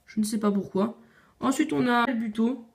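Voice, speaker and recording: Woman with a slightly high voice, chatty, rambling through her card binder. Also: normal speed, creaky. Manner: chatty, opinionated, frequent hesitations. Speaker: video creator. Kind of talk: casual card collection showcase.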